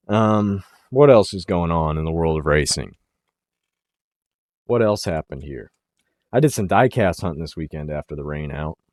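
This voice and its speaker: A man hosting a racing talk show, talking casually and with excitement, pushing hard on key words and then trailing off quietly. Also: a bass voice, no room sound, clean studio sound. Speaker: racing podcast host.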